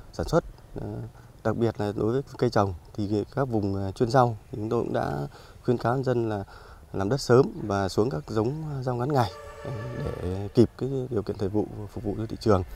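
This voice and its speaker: Official for a news soundbite: male, dark gravelly voice, halting delivery full of fillers. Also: mid-range voice, slight background noise. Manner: hesitant, frequent fillers. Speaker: agricultural official interviewed.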